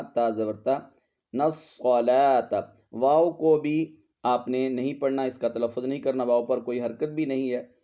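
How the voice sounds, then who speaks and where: A man teaching Quran recitation, patiently spelling out each letter and vowel before blending the word. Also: mid-range voice. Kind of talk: slow letter-by-letter recitation lesson. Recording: slightly dull lo-fi audio.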